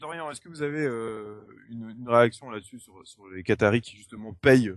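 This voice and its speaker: A man's voice: medium pitch, a little fast, no room sound, clean studio sound. A man hosting a football debate show, contradicting a guest and then turning questions to the panel. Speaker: host.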